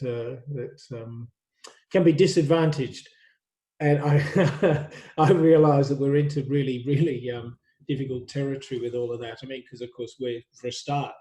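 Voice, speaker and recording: Mellow-voiced male lecturer, echoey room. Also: medium pitch. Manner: rambling, thinking aloud with many fillers and restarts. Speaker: university lecturer. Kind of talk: online workshop lecture.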